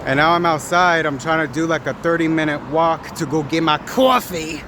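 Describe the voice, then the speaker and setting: Man, casual video diarist, rambling and repetitive with halting delivery and slangy talk, recorded outdoors with clear traffic noise. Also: fairly high pitch. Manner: rambling, halting, repeats himself; informal slang with some swearing. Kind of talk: casual rambling monologue to viewers. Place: outdoors, walking along a street. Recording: noisy outdoor street with passing cars.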